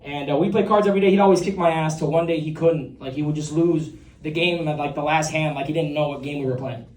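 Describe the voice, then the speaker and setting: A man's voice: a little high, quick pace. A young man from Puerto Rico performing a stand-up set on a comedy club stage, chatty and self-deprecating and ribbing the crowd. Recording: roomy club recording from a distance with a loud crowd.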